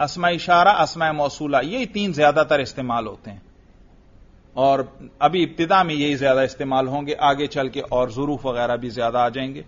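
Quizzing male tutor, slightly high voice. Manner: quizzing, repeats answers, brisk praise. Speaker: teacher. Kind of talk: one-on-one grammar drill. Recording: muffled lo-fi recording.

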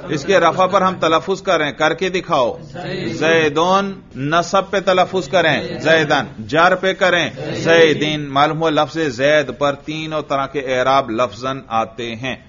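A man's voice: fairly high pitch, few pauses, crowd noise. A male teacher leading a classroom grammar drill, asking questions and answering them himself, chanting the parsing in a sing-song. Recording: dull lo-fi sound.

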